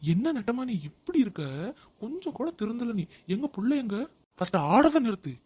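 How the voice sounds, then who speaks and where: A man's voice: a little high, fairly even intonation, quick pace, dark tone. A man playing a harried husband. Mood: exasperated. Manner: exasperated, pleading. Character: harried young husband caught between wife and mother. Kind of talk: comedy sketch acting.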